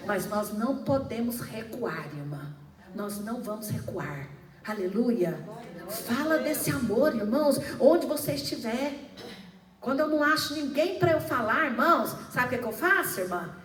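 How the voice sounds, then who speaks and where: A middle-aged Brazilian woman preaching a fervent sermon in an unhurried, drawn-out delivery, with a slightly high voice. She keeps calling out to the congregation. The sound is roomy and distant, with a faint ambient hum underneath. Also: lively intonation, crowd noise. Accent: Brazilian Portuguese. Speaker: pastor. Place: church. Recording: echoey room, mic at a distance, faint ambience.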